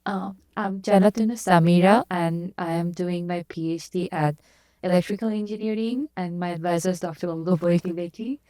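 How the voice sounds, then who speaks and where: Grad student, young woman, lowish mellow voice, hesitant with lots of uhs. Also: a little fast, no room sound. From Bangladesh. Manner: hesitant, short answers with many uhs. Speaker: PhD student, guest. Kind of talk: podcast interview.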